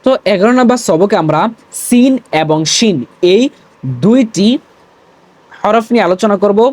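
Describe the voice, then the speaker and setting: A man's voice: high voice, moderate pace, a little mellow, dry recording. A man teaching an Urdu lesson, patiently spelling out letter sounds one by one. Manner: opens with Arabic blessings and greetings. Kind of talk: spoken Urdu lesson for Bengali speakers.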